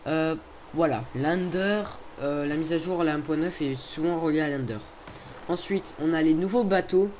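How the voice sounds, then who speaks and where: A young man talks through a game in a casual, chatty way, his voice sitting a little high for a man. He hesitates and fills gaps with fillers, and there is a faint hiss of noise under the headset recording. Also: normal speed, a little mellow. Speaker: video host. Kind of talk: casual gameplay commentary.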